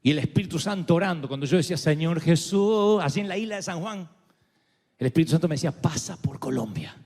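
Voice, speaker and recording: This middle-aged Argentine preacher, speaking with an Argentine Spanish accent, tells a story in his sermon, acting out its characters with jokes and theatrical flair. His voice is slightly high and very fast, and a long hall reverb surrounds it.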